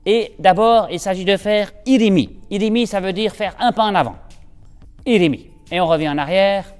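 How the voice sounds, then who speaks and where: Smooth-voiced man coaching a martial arts class. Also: high voice, big-room sound, soft background music. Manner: calm, steady breathing cues, later brisk commands. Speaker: aikido instructor. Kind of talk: instructional demonstration.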